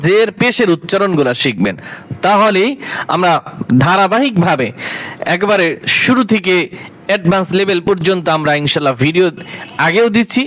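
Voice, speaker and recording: A man teaching Quran reading, chanting each Arabic letter with its vowel sign in steady, drilled repetition. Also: high voice, poor audio. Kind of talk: slow drilled recitation lesson.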